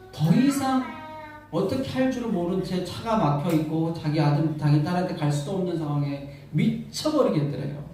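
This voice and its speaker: A man's voice: fairly high pitch, far from the mic, a little hiss or hum. Man preaching in an echoey church hall. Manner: emotional storytelling, repeats words, swells loud on key lines. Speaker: pastor. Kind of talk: sermon. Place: church sanctuary.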